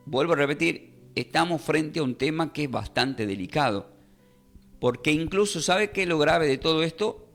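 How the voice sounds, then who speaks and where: Emphatic male radio preacher, mid-pitched voice, faint music in the background. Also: a bit bright. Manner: emphatic, repeats and spells out words. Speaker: Bible teacher. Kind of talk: radio Bible class.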